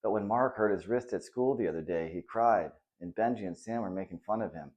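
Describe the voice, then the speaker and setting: A man reading the part of a kind, patient father who talks softly and reassuringly to his son in a children's story. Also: lowish voice, fairly quick, dull audio, voice pushed up, close to an everyday voice. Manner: soft and reassuring.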